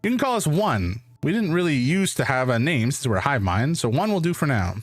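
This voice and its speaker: A man voicing a tiny, cheeky ant from a hive mind in a squeaky little voice, as he reads a fantasy game aloud. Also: big pitch swings, a little fast, no room sound, studio quality, soft background music. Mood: earnest. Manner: cheeky, defensive, talks of itself as we. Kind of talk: voicing a game character while reading aloud.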